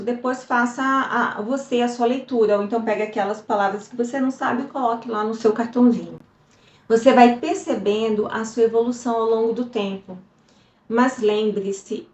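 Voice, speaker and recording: A woman's voice: on the high side, a little mellow. Woman teacher, chatty and explanatory, echoey room. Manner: chatty, explanatory, frequent "tá?" check-ins. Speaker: Hebrew teacher. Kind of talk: casual teaching video.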